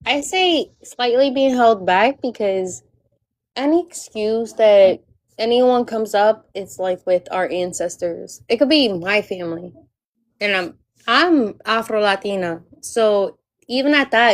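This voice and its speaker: A woman's voice: medium pitch, measured pace, no echo, rough recording. A woman from Puerto Rico talks in a casual panel discussion. She is earnest and insistent and repeats phrases to hold the floor. Her voice sits mid-range and sounds dry and close. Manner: earnest, insistent, repeats herself when interrupting. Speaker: panel guest.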